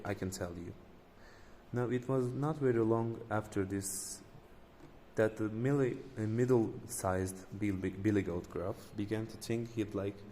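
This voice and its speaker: A man narrating a folk tale in a fairly low voice, tripping over words and restarting often. His voice rings in an echoey room with faint noise behind. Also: warm tone. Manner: frequent slips and restarts. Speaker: storyteller. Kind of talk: reading a folk tale aloud.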